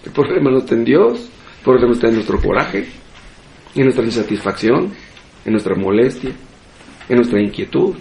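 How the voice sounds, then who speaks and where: A man's voice: mid-range voice, big pitch swings, moderate pace, creaky, pauses often, darkish tone, echoey room, slight background noise. A man with a Mexican Spanish accent preaching a sermon as pastor, asking rhetorical questions and repeating phrases for emphasis. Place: church hall.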